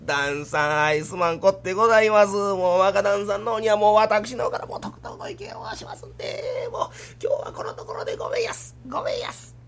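A humble shop clerk with a Kansai accent, as a man acts him out in rakugo. He pleads and bows his way through apologies. His voice is high and lively. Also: fairly quick, gravelly, exaggerated voice. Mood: apologetic. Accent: Kansai Japanese. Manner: bowing, pleading.

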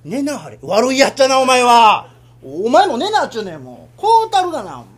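Brief: man as a gruff Kansai dad who is tight with money, husky and lively, told as rakugo. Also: extremely high pitch, quick pace, exaggerated voice. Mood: exasperated. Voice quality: gruff, scolding. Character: grumpy stingy middle-aged father. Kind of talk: rakugo storytelling.

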